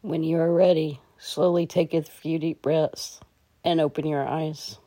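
Guiding a meditation at a measured pace, a woman speaks in a low, soft, dark and mellow voice, delivering every instruction calmly and gently.

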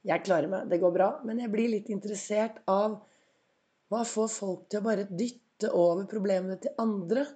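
A woman hosting a motivational podcast, a little hoarse from a cold, telling stories and asking her listeners reflective questions. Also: medium pitch, fairly even intonation, warm tone. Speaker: podcast host.

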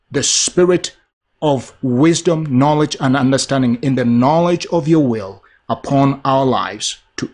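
Earnest Ugandan-born male preacher. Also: mid-range voice. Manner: earnest, repetitive preaching cadence. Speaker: preacher and TV host. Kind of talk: broadcast sermon.

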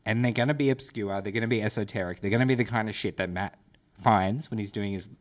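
A man's voice: lowish voice, fast talker. A man co-hosts a casual podcast in a laid-back, jokey way. He swears offhandedly and keeps the banter rolling. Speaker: podcast co-host.

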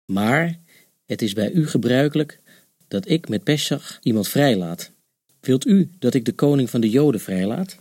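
Actor as Pilate: firm, questioning Roman governor, dry recording. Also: male voice, mid-range voice, lively intonation, normal speed, a little mellow, slightly rough, no echo. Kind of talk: dramatized Bible reading.

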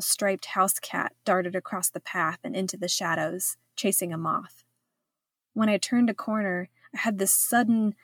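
A woman's voice: medium pitch, dry recording, studio quality. Woman narrating a memoir, wry and reflective. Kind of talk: scripted first-person narration.

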